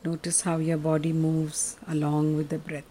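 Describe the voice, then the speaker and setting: A woman leading a guided meditation in a soft, calm, soothing way, leaving long pauses. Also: deep voice, slight background noise.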